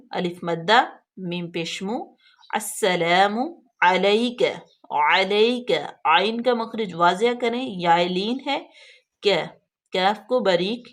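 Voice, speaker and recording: A woman teaching correct prayer recitation, explaining each letter patiently and drawing out the words she demonstrates. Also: mid-range voice. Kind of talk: tajweed lesson, slow drawn-out recitation of examples.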